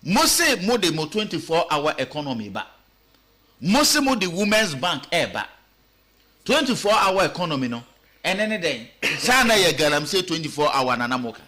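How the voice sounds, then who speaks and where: Animated Ghanaian man arguing politics. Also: on the high side, moderate pace. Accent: Ghanaian English with Twi. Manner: animated, rhetorical questions, mixing English and Twi. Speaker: political commentator. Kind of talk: radio talk show commentary.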